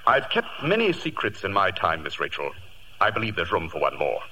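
A male radio actor plays Sherlock Holmes, a shrewd, commanding gentleman detective, in 1940s radio acting, animated and authoritative. His deep voice is brisk and exaggerated, with clipped, deductive delivery in a calm, probing mood. The recording is noisy, typical of 1940s radio.

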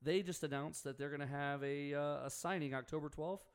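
A young man hosts a local sports radio show in a casual, joking way. His voice sits a little high for a man, and he drifts into banter and asides. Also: fairly even intonation, fairly quick, clear, resonant tone. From Houston area, Texas.

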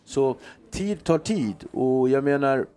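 A man's voice: medium pitch, animated, mellow. Reflective male podcast host. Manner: reflective, encouraging, with many fillers. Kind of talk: casual podcast chat.

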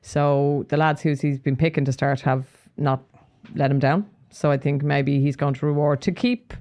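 A woman's voice: sits low, fairly even intonation, normal speed, warm tone. An Irish woman speaking as a guest pundit in a casual studio sports chat, confident and plain-spoken.

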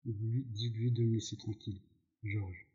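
A man's voice: on the low side, fairly even intonation, measured pace, warm tone, lightly acted. Lenny, a man reading a frightened simple giant. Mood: pleading. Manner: pleading, miserable. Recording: dull lo-fi recording.

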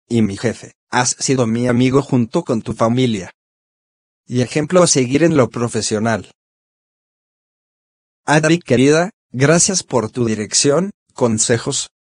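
Synthetic male narrator, medium pitch, measured scripted diary delivery, very dry close sound. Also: husky, dry recording. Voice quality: synthetic text-to-speech voice. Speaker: columnist narrating his weekly diary. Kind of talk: scripted first-person narration.

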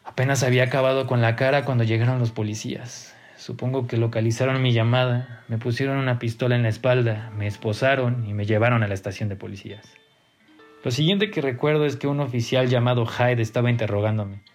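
Man narrating a dark horror tale. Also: steady tone, fairly quick. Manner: tense, dramatic, rises in pitch at key moments. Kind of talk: first-person horror story narration. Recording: faint music behind the voice.

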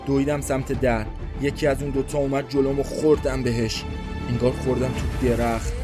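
A man narrating a first-person story for a podcast he writes, in a tense, introspective inner-monologue manner. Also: medium pitch.

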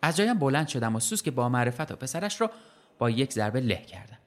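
A man reading a short story aloud in a plain, even storytelling voice. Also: medium pitch. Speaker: story reader.

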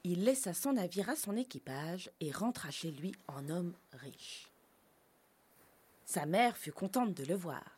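Lively woman reading a storybook. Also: lowish voice, measured pace, slightly rough. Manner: expressive, lively. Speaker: narrator. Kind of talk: storybook narration.

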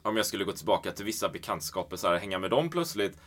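A man's voice: lowish voice, big pitch swings, a bit bright. A man hosting a conversation, reflecting thoughtfully and encouraging his guest. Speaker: podcast host. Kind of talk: casual conversation.

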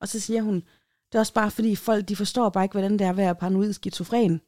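A woman's voice: medium pitch, steady tone, darkish tone, dry recording, clean studio sound. A woman from Denmark, a podcast co-host, telling a story in casual chat and acting out the quotes of the people in it with changed voices.

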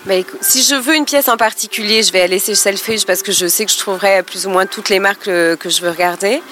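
A woman chatting as a guest, calm and composed, speaking in full sentences. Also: medium pitch, fast, soft background music. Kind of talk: casual chat.

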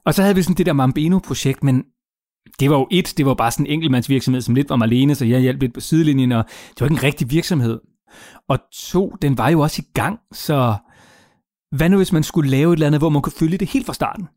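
A man's voice: a little high, darkish tone, dry recording. Middle-aged guy rambling through a story, casual swearing, dry close sound. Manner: chatty, swears casually, acts out quoted dialogue. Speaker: podcast guest telling his founder story.

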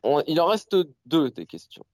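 Playful quiz master, dry sound. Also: male voice, fairly high pitch, very animated, moderate pace, a little mellow, no echo. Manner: playful, announcing. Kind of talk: reading quiz riddles.

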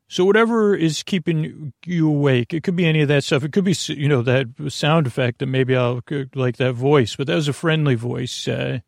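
A man hosts a sleep podcast in a creaky, medium-pitched voice with a darkish tone, drifting haltingly through mumbled word fragments and tangents in a rambling bedtime monologue meant to lull listeners to sleep. The recording is dry and studio quality.

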